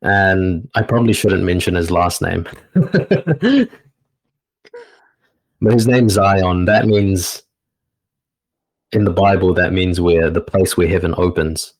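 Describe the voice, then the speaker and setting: A man, a meditation teacher answering interview questions in a slow, reflective way with frequent pauses. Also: sits low, poor audio. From New Zealand. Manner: slow, reflective, pausing often with "uh".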